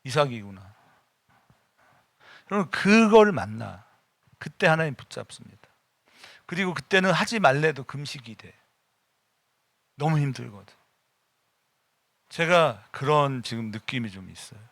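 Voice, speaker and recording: A middle-aged male pastor preaches in a church with a bright, forceful, gravelly voice. His pitch swings widely as he goes from casual, personal talk to loud prayers. The sound is dry and close. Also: lively intonation, normal speed, pauses often, dry recording. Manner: emphatic and personal, mixing casual speech with sudden loud bursts of prayer. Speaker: senior pastor. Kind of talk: afternoon church sermon. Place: church sanctuary.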